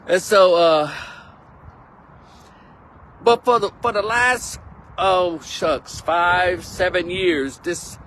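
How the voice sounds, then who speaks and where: A Texan man in his fifties talks through a relaxed, rambling monologue, full of slang and easy asides. He is recorded outdoors on a windy day, with a faint hum of traffic behind him. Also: high voice, drawn-out words, pauses often. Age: 50s. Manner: chatty and rambling, laid-back slang. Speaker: vlog host. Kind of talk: casual monologue.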